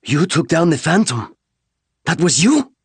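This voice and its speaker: A man's voice: medium pitch, measured pace, husky, no echo, voice pushed up. A man voicing a frightened young pilot who stammers, shaken and breathless.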